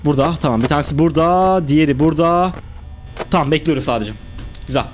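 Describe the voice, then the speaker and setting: A man's voice: on the high side, fast talker, faint music behind. A young man live-streaming a horror game, reacting tensely and chatting with his viewers.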